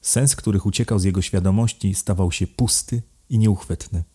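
A man calmly narrating a novel as an audiobook. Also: low-pitched, normal speed, breathy edge. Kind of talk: scripted narration.

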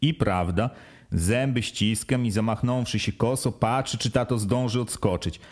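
A man's voice: mid-range voice, normal speed. A man reading an audiobook in the first person, with earnest, plain storytelling. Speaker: audiobook reader.

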